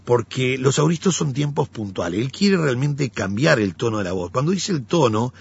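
A man, a pastor telling stories in an animated conversational way and acting out the voices he quotes. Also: mid-range voice, moderate pace, vocal fry, husky, highs cut off. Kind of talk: conversational teaching.

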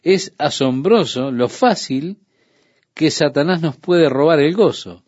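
A man's voice: fairly high pitch, expressive, slow pace, darkish tone, no room sound. A man preaching a radio sermon, telling stories and acting out his own outbursts. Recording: dull lo-fi dry studio recording.

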